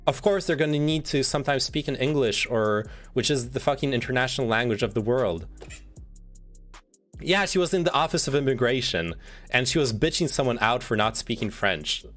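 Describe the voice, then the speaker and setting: A man with an expressive, medium-pitched, slightly bright voice talks briskly over soft background music. Livestreaming with casual swearing, he reads quiz statements and reacts, rambling and repeatedly restarting his sentences.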